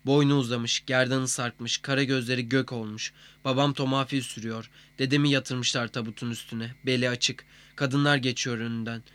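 A man reading a literary first-person story in a plain, measured way. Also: mid-range voice, flat delivery, a bit bright, clear, resonant tone.

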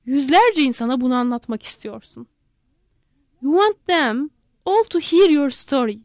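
A woman's voice: lively intonation, unhurried, a little mellow, no echo. A woman voicing a fussy, talkative male monkey who keeps asking questions. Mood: curious. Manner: high, prodding questions.

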